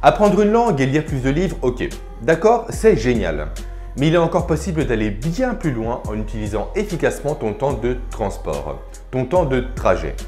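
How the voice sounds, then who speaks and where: A man's voice: mid-range voice, very animated, normal speed, a little mellow, soft background music. A man giving career advice in a casual vlog, chatting informally and directly to the viewer. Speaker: career coach vlogger.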